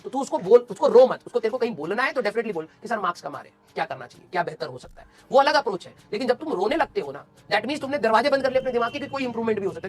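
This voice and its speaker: Fast-talking motivational male teacher. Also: very high-pitched. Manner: blunt, scolding yet encouraging, asks "clear?". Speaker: coaching teacher. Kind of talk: motivational class talk.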